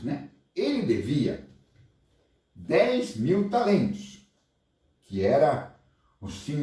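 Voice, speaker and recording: A man with a Brazilian accent, a preacher telling a Bible story to children and asking them questions. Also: fairly high pitch. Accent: Brazilian Portuguese. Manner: animated, asks the listeners questions. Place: church hall. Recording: echoey hall, voice far from mic.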